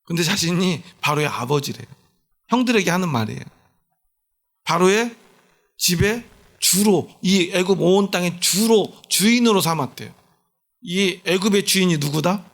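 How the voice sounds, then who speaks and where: A man's voice: sits high, animated, moderate pace, a bit bright. A male pastor giving a sermon in a conversational storytelling way, often asking the congregation questions.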